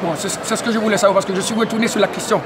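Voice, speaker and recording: A man who interviews at an event, excitable and tagging nearly every phrase with "hein?". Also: sits high, racing. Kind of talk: casual community media interview. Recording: noisy crowded public event. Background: crowd chatter.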